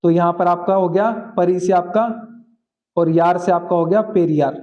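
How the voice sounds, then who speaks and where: A man teaching general-knowledge memory tricks, repeating key phrases slowly and often checking that students follow. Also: high-pitched, fairly even intonation, lo-fi sound. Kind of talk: exam-prep lesson with memory tricks.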